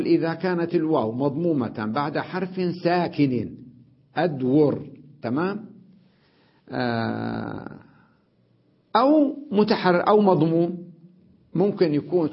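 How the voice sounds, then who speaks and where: A man at a middle pitch teaches a grammar lesson, his voice slightly husky. He works through each rule step by step, stopping to check that his students follow and drawing out example words slowly. The recording sounds dull and lo-fi. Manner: explains step by step, often checks in with "تمام؟".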